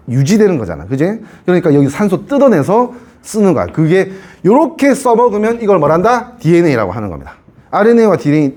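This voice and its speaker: A man's voice: sits high, a little mellow. A man teaching a science class in a chatty lecture style, often checking if students follow and repeating key points. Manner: chatty, keeps asking students to confirm.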